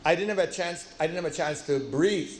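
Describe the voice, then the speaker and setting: Male lecturer, lively storyteller who acts out dialogue; roomy hall sound. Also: on the high side, fairly quick, slight background noise. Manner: lively, acts out dialogue, self-deprecating asides. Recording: roomy hall with faint ambience.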